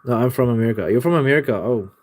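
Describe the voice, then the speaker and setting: A young man talks at a racing clip in a medium-pitched voice, chatting with viewers on a livestream from his home art studio. An artist and streamer, he rambles loosely and swears freely, filling his answers with lots of "like."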